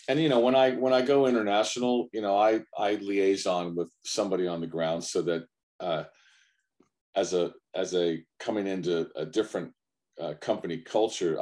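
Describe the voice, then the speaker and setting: An American man, a guest coach, answers in a very deep, low voice. He talks earnestly and emphatically in a conversational interview, piling up repeated phrases to drive his point home. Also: a little mellow. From United States. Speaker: guest, men's culture coach.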